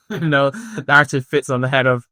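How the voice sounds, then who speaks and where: A man hosting a podcast interview, talking in halting bursts and repeating words as he thinks. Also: mid-range voice, sharp tone, no echo, studio quality. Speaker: podcast host.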